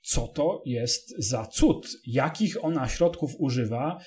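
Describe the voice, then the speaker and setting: A man co-hosting a casual, analytical film discussion, halting as he searches for words and corrects himself. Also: medium pitch, animated, a little mellow.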